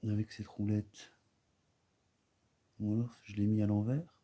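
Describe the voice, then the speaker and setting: A lowish, warm male voice with a level tone and measured pace belongs to a Lego builder hosting a video. He chats casually as he builds, hesitant and rambling, with lots of fillers and self-deprecating asides.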